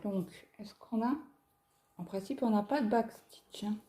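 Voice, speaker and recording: Slow-talking French woman showing crafts. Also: medium pitch, mellow. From France. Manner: slow, chatty, hesitant with fillers. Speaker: craft vlogger. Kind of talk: casual unboxing show-and-tell.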